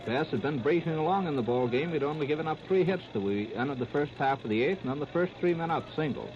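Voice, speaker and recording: An American man with a fairly high voice announces a ball game live from the ballpark, reporting each move in short, clipped running phrases, fast and expressive. The recording is a muffled, noisy 1930s radio broadcast.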